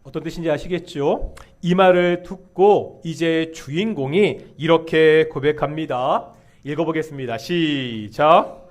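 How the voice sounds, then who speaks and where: A man's voice: fairly high pitch, fairly even intonation, normal speed, a little mellow. A man preaching a Sunday sermon as pastor in a church, leading the congregation in responses. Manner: leads the congregation in call-and-response. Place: church sanctuary.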